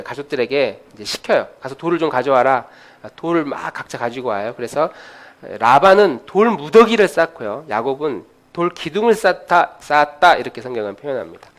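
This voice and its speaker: A man preaching a sermon, retelling a story in an animated, conversational way with frequent filler sounds. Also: on the high side. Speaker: pastor.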